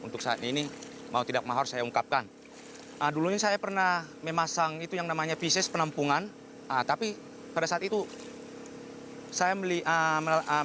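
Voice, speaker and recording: A man's voice: a little high, noisy background. A man, a former diver, giving interview testimony outdoors by a lake, talking hesitantly with frequent "ah" fillers.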